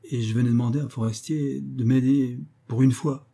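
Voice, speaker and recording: A man's voice: medium pitch, steady tone, normal speed, gravelly, dark tone, slightly rough, voice pushed up. A man reading aloud and voicing a timid young man who speaks in a hesitant, apologetic way.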